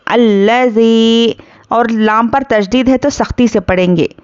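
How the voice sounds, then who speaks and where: A woman's voice: on the high side, muffled recording. A woman teaching tajweed, patiently drawing out each word of the recitation before she explains the rule that applies. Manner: slow and patient, drawing out Arabic words, then explaining the rules. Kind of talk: Quran recitation lesson.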